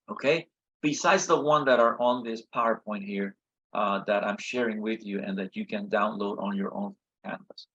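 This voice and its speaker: A man with a tired, worn, husky voice gives an informal review lecture as an instructor, haltingly and often checking in with short tag questions. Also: mid-range voice, pushed and bright. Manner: halting, frequent checking "okay?" and "right?". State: tired, voice a little shot. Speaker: chemistry instructor. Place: online video session from a computer. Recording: slightly dull lo-fi audio.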